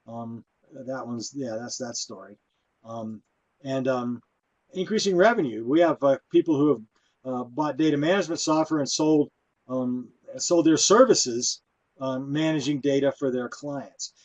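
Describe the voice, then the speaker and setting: A man presenting at a conference, talking in a relaxed, conversational way with many fillers. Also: medium pitch, unhurried. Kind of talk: conference talk.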